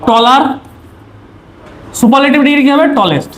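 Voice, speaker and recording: Extremely high-pitched, animated, and a bit bright, a man at normal speed runs an exam-prep grammar lesson. He asks rhetorical questions before answering them and repeats key terms to drill them, over a roomy echo with faint noise.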